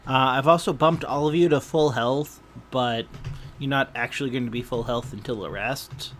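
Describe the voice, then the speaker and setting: A man acting as game master, narrating casually with a hesitant, halting delivery. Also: medium pitch, a bit bright, a little hiss or hum.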